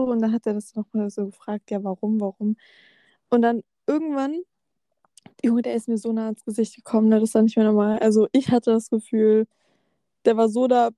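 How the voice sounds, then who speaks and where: A teenage girl with a mellow, fairly high voice chats and tells a story. She is recorded dry and close up, and she keeps cutting in to correct her friend. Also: dry recording. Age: teens. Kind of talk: casual storytelling chat.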